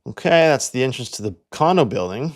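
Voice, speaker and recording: A man's voice: medium pitch, animated, brisk. A young man from Canada hosting a casual real estate walkthrough, chatty and full of "like" fillers. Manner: chatty, filler-heavy, lots of "like". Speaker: real estate agent and video host.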